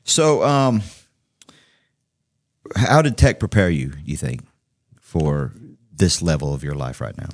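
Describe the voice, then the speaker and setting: A man's voice: rumbling low, expressive, slow, long pauses, no echo. A man hosting a studio podcast interview, chatty and affirming toward his guest. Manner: affirming, chatty, keeps saying "yeah". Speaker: podcast host. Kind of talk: casual interview talk. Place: recording studio.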